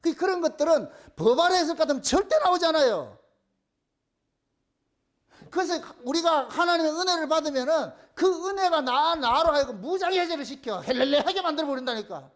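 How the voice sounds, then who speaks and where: A man's voice: extremely high pitch, brisk. A middle-aged male pastor with a Gyeongsang accent, preaching a playful sermon and acting out little scenes in voices. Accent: Gyeongsang Korean. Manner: animated, playful, acts out phone calls in voices.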